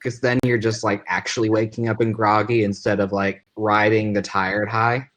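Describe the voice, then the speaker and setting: A man's voice: fairly low pitch, little pitch movement, normal speed, a bit bright. A tired man, a player on a late-night stream, chatting in a laid-back, joking way. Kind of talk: casual stream chat.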